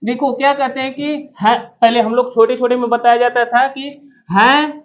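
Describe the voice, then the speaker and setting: A man's voice: very high voice, steady tone, moderate pace. Male teacher, classroom grammar lesson, repeats questions for the class to answer, cracks jokes, slightly muffled audio. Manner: repetitive question-and-answer drilling; joking asides to students. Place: classroom with students present.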